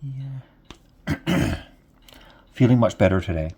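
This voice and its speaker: A man with a stuffy nose makes a casual craft vlog at home at night, a lamp on in the room, rambling and repeating himself to the camera. His medium-pitched voice is slow, slightly mellow and breathy, with lively intonation.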